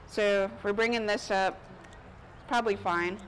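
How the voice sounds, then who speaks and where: Speaking a little slowly at medium pitch, with fairly even intonation and a slightly bright tone, a chef in her thirties explains things informally as she busily cooks for a crowd. The demo takes place on an outdoor covered market stage, captured by a lapel mic with outdoor park noise behind her voice.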